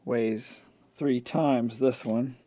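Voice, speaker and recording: Drawing out his words, a medium-pitched man gives casual repair commentary, half to himself, as his hands work. He's the host of an electronics repair channel, recorded dry by a camcorder mic near his indoor workbench, with constant background noise and clicks of handling.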